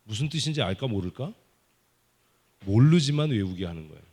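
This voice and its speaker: A man preaching a children's sermon at a summer Bible school service in a church, playfully teasing and quizzing the kids with quick questions. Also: medium pitch, lively intonation, darkish tone. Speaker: pastor. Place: church sanctuary.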